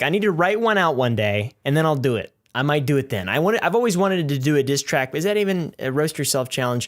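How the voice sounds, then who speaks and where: In a casual vlog, a goofy nineteen-year-old man works through viewer comments, cursing, poking fun at himself and frequently feigning outrage. His voice sits at a fairly high pitch.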